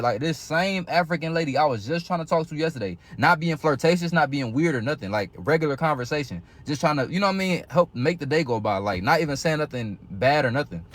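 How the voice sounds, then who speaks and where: A man's voice: a little high, lively intonation, quick pace. A man telling a casual, slangy story to camera, sounding exasperated.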